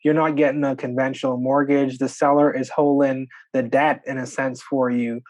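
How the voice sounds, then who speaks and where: A man's voice: mid-range voice, normal speed, dry recording. Young Bahamian man, dry close voice. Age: 20s. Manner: relaxed storyteller, frequent "you know" and "like". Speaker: podcast guest, real estate investor. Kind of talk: conversational interview.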